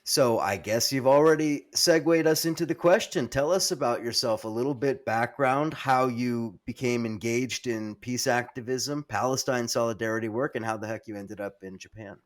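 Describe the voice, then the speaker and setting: A man's voice: medium pitch, normal speed, few pauses. A man hosting a talk show, casual and self-deprecating, joking about his own phrasing before introducing a guest. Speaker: podcast host.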